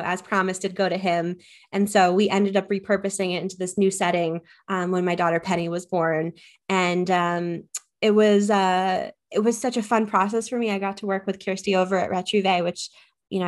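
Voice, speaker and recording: Chatty woman guest with frequent ums. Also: fairly low pitch. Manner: chatty, many ums, enthusiastic. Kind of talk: casual podcast interview.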